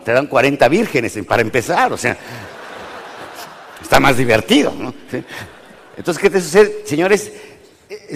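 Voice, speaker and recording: A man with a Mexican accent giving a motivational business lecture to an audience, animated, swinging between loud and hushed, often questioning the crowd. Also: on the high side. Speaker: motivational speaker. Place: large lecture hall with audience. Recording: lecture hall reverb.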